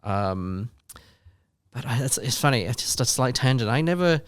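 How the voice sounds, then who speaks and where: Speaking at a normal speed with a mid-range, animated voice, this podcast co-host in his forties chats casually, rambles, runs himself down, and poses long questions. The audio is studio quality with no room sound.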